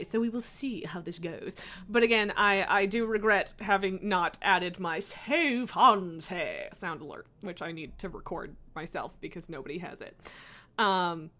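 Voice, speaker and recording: A woman's voice: mid-range voice, sharp tone. A woman streaming a game with casual, chatty commentary, playful and theatrical, swearing freely.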